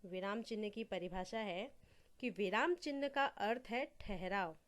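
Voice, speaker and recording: Woman teaching a Hindi grammar lesson. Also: medium pitch. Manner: slow, deliberate explaining with repeated examples.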